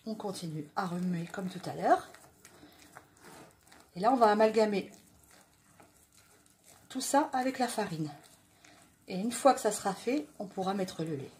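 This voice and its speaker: A woman's voice: medium pitch, lively intonation, a little slow, long pauses, darkish tone. A woman from southwest France, hosting a chatty home cooking demonstration in her kitchen. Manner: chatty, joking, talks while stirring. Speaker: home cooking video host.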